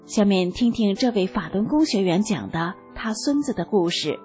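At a medium pitch, a woman reads a first-person testimony aloud as scripted narration, slow, calm and even. Faint music plays in the background.

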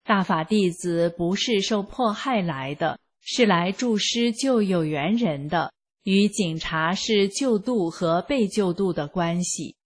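Female reader, slow, husky-toned, steady scripted narration. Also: mid-range voice. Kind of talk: scripted first-person narration.

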